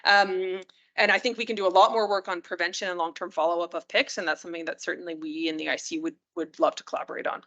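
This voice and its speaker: A woman's voice: on the low side, fairly even intonation, fast, creaky, fairly bright tone, highs cut off. A woman critical care physician giving a hospital rounds lecture in a conversational way, often checking in with her listeners. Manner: many fillers and restarts.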